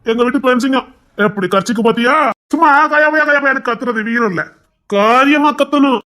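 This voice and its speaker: A woman's voice: sits high, brisk, fairly bright tone. A woman acting a boastful, swaggering member of a rowdy family in a skit. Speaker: actor in a comedy skit.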